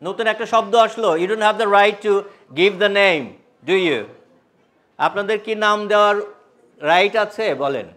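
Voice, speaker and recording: A man with a high voice leads a live training session. He is animated and fires questions at the room, slipping between Bengali and English as he teaches. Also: measured pace, long pauses. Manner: animated, quizzes the audience, mixes English into Bengali. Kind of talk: live classroom workshop.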